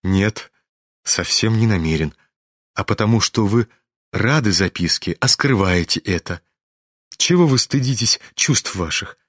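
A man reading an audiobook, voicing a meek, earnest young prince in a soft, hushed manner. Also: fairly low pitch, animated, a little slow, no room sound, pitched below the performer's own voice. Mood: pleading. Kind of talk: audiobook character voice.

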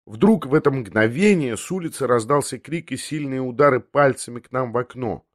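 A man reading a classic novel aloud with measured storytelling. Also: mid-range voice, dry recording, studio quality. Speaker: audiobook reader. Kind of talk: literary narration.

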